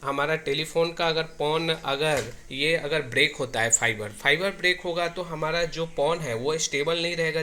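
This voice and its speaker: A technician walks through a technical setup step by step in a slightly high, bright, forceful voice, often repeating and restarting phrases as he demonstrates. The hands-on tutorial is a noisy amateur recording with clicks.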